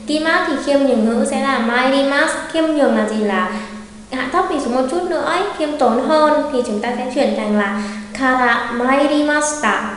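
A woman teaching an online language lesson, patiently repeating example phrases slowly. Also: high voice. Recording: very echoey room with long reverb.

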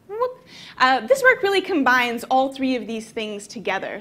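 A woman's voice: on the high side, a bit bright. A young woman from the American South giving a conversational conference talk with frequent fillers. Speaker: conference speaker. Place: conference hall.

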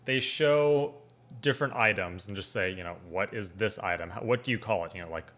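A man's voice: on the low side, brisk, a bit bright. A man in his thirties with a standard American accent, giving casual, rambling and curious reaction commentary as a video host. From United States, West Coast. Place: small indoor room at home.

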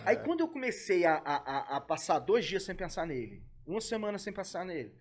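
A man's voice: high-pitched, big pitch swings, brisk, crowd noise. A middle-aged man, a rock musician, talking as a podcast guest in an emotional, heartfelt way, swearing freely and stumbling over repeated words. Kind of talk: emotional casual chat.

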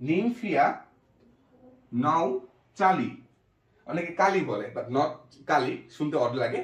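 A man teaching pronunciation, breaking words slowly into syllables. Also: a little high, lively intonation. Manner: slow, drawn-out syllable by syllable. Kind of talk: pronunciation lesson. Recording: echoey room.

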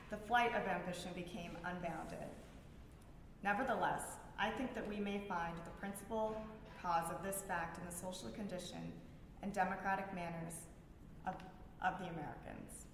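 At a library's public event, a librarian with a slightly low voice reads prepared texts, frequently tripping over words and going back to restart them. A big reverberant room wraps her voice in very heavy echo, and noise is noticeable in the background.

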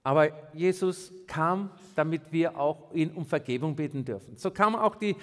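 A male pastor delivering an emphatic sermon, swinging between raised and hushed delivery. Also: a little high, moderate pace. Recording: long reverb in a large hall.

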